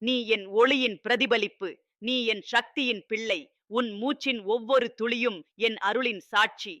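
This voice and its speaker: A man voicing a loving fatherly god who speaks to his child in a scripted devotional address, solemn and tender, with steady repetitive reassurances. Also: extremely high pitch, normal speed, no room sound.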